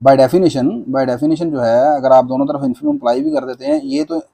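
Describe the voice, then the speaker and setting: A man's voice: on the high side, steady tone, moderate pace, creaky, mellow, husky. A man teaching a maths lecture, patiently walking through proofs. He mixes English maths terms into his speech and often checks in with "theek hai na".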